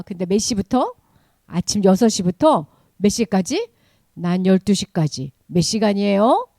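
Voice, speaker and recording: A woman giving a children's sermon, animated, asking the children questions and acting out the story. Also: fairly high pitch, no room sound, studio quality. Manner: animated, asks children questions, acts out quotes. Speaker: children's ministry preacher.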